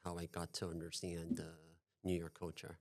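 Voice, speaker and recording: Deep-voiced man, halting and repetitive. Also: completely flat delivery, darkish tone. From Taiwan. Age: 40s. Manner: hesitant, halting, repeats himself. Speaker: guest. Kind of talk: podcast interview.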